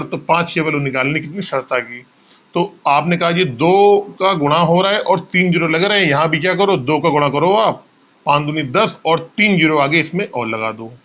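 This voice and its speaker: This is a male maths teacher's exam-prep lesson: he breaks problems into steps, answers his own questions, and calls the students "bhaiya." His pitch is fairly high, and the recording has its highs cut off.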